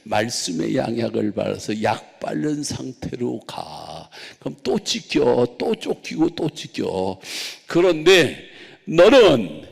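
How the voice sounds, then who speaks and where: The Lord as a stern, wounded master, put on by a preaching pastor, who scolds slowly and swings from low to loud. A gravelly edge sits in the voice, and a long church reverb trails every line. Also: male voice, big pitch swings, heavily acted. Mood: stern, grieved. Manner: slow, scolding, rising to shouts. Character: the Lord, stern grieving male shepherd-master.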